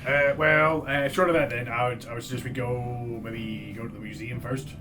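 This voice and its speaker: A man's voice: mid-range voice, steady tone, normal speed. Easygoing man gaming, music behind. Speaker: player. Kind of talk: casual table talk.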